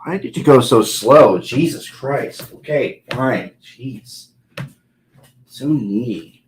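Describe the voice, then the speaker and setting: A man in his thirties from Ohio talks to his stream chat in an unhurried, drawn-out way. He is loose and profane. His voice sits at a middle pitch and carries a roomy echo. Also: animated, slight background noise. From Ohio, USA. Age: 30s. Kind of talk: casual live-stream chat with viewers.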